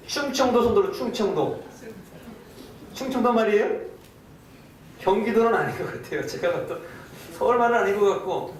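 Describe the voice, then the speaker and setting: A male pastor telling a story in a sermon, acting out quoted lines and asking the congregation questions. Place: church sanctuary. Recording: echoey hall, distant mic, faint rumble.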